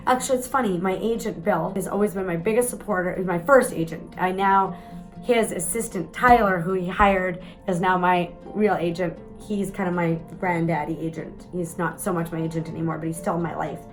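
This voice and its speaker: A woman's voice: lowish voice, fairly even intonation, brisk, soft background music, rough recording. A woman, telling a candid, chatty story to the camera, with some mild swearing. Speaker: vlogger.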